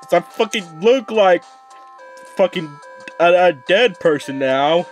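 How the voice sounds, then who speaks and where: A man's voice: high-pitched, expressive, takes it slowly. Young man rambling over game music. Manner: rambling, swears a lot, restarts often. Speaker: gaming YouTuber. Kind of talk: casual let's play commentary.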